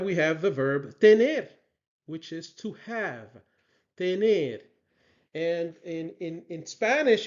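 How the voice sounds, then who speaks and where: A male Spanish teacher talks very slowly and with a lively, rising and falling pitch. He repeats phrases carefully and checks in with the learner as he goes. The recording sounds dull and lo-fi. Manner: repeats each phrase slowly, then translates; checks in with a questioning "right?". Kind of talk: slow, deliberate language lesson.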